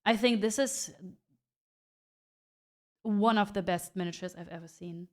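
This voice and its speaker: A woman hosting a casual reaction video, excitable and gushing, stammering as she searches for words. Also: mid-range voice, a little slow.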